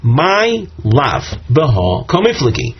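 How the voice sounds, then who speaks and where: A man teaches a Talmud text-study lesson, going step by step and quoting Aramaic and Hebrew phrases. His medium-pitched, slightly rough voice moves slowly with huge swings in pitch, and the recording is dull and lo-fi.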